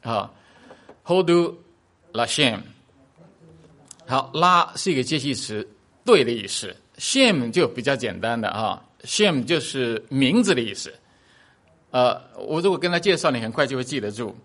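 A man's voice: mid-range voice, big pitch swings, a bit bright. Chatty man teaching a church congregation. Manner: chatty, explaining, with fillers and little laughs; slows down to spell out Hebrew words. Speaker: preacher teaching a Hebrew song.

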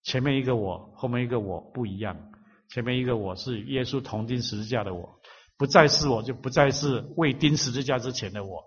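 A man preaching a sermon, teaching slowly and repeating phrases for emphasis. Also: mid-range voice, slightly rough, highs cut off. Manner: slow, emphatic repetition of phrases.

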